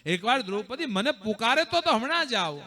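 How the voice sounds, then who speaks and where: Brief: man as a serene god in a sermon tale, high bright voice, measured. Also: sing-song, full character voice. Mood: calm. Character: Krishna, calm divine lord.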